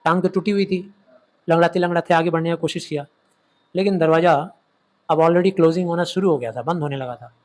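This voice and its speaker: Male teacher walking students through a story, slightly high voice, self-answering questions. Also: fairly even intonation, darkish tone. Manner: retells the story with quick acted quotes, asks and answers his own questions. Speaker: English literature teacher.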